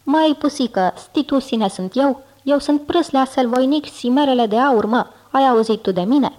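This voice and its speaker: A woman's voice: sits high, darkish tone, pitched above the performer's own voice. A bragging young fairy-tale hero, put on by a woman reader blusters with a folksy lisp. He raises his voice and shows off. This is a storybook audiobook reading. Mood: boastful. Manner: blustering, lisping folksy speech.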